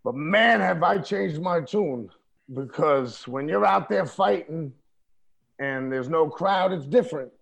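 A man's voice: on the high side, expressive, slow, creaky. A man talking casually over a video call in a streetwise, emphatic way, often asking "you know what I mean?". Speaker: interview guest, wrestler.

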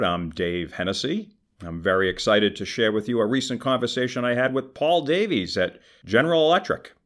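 A man hosting a podcast interview in a measured, friendly way. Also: fairly low pitch. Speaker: podcast host.

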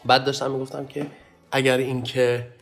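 A man's voice: medium pitch, level tone, a bit bright. Man co-host, casual chat, earnest, gets heated, faint music under his voice. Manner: earnest, heated at times, mimics others. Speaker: podcast co-host.

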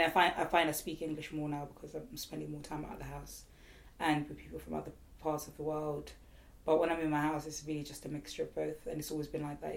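A Zimbabwean woman co-hosting a podcast muses thoughtfully and hesitantly in a casual group chat, with lots of fillers and restarts. Her voice is low and gravelly, and the recording is rough.

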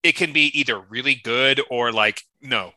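A man's voice: medium pitch, normal speed, bright, forceful tone, dry recording. A man chatting casually with friends as co-host of a tasting show, rambling along with slang and swearing. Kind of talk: casual chat among friends.

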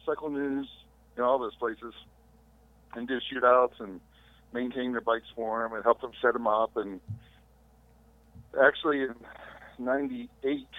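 A middle-aged man calling in remotely as a podcast guest, recalling his career in a relaxed, rambling way with fillers. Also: mid-range voice, dry recording. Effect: heard over a remote phone call. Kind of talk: casual interview storytelling. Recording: tinny dry phone-line audio.

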